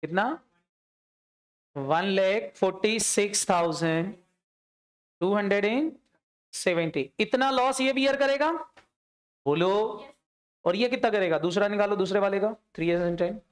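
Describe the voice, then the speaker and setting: Hindi-speaking male teacher, quizzing students. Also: sits high. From India. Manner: drills students with quick questions, prompts them to answer aloud. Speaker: accounts teacher. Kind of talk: classroom lecture.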